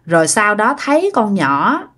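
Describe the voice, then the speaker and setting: A woman's voice: mid-range voice, big pitch swings, unhurried, fairly bright tone. A woman telling a ghost story in a chatty, casual way, talking straight to her listeners.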